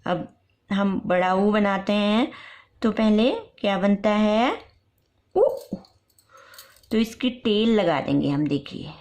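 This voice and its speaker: A woman teaching young children's letter sounds step by step for parents, repeating each sound slowly. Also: medium pitch, animated, darkish tone. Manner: slow, repetitive, drawn-out letter sounds. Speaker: nursery teacher.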